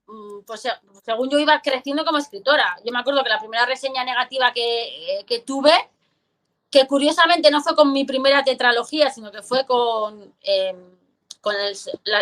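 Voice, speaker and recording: A woman, a guest writer chatting expressively in an interview over a video call, often restarting her sentences. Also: high voice. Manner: expressive, frequent restarts and fillers. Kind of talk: casual interview chat.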